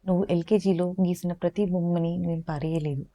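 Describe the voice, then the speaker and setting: A woman voicing a tender mother who speaks softly and gently to her son in a storybook tale. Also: fairly low pitch, steady tone, a little fast, lightly acted. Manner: soft, gentle.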